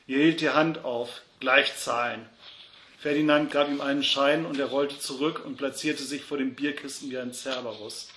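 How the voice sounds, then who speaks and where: A man reads a story aloud with a bright, forward voice. The recording carries noticeable room echo with a faint hum of background noise underneath. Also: on the high side. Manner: shouts the characters' angry lines. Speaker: reader. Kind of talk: reading fiction aloud.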